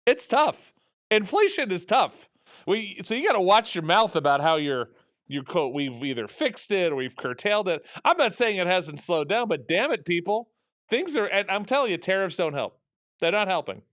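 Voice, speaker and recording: A man's voice: high-pitched, big pitch swings, normal speed, fairly bright tone, no room sound, studio quality. A man hosting a political talk show, rambling and sarcastic, with many restarts. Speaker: radio talk show host.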